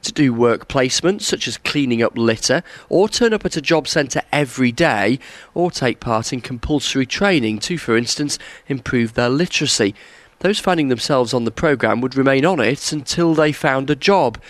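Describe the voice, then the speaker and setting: A man's voice: mid-range voice, expressive, normal speed, no echo. Male news correspondent, dry close sound. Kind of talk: scripted news report.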